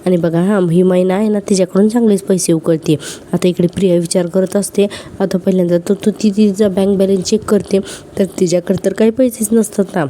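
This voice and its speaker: A woman's voice: medium pitch, steady tone, a little fast, mellow, a little hiss or hum. A woman casually recapping a TV serial episode in a chatty running commentary.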